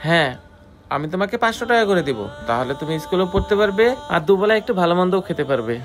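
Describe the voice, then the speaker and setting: A man playing a kind, generous stranger who speaks softly and fatherly to two poor little sisters, in a scripted web drama. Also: high voice, animated, rapid-fire, faint music behind. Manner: soft, coaxing, fatherly. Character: gentle, generous adult man, fatherly to children.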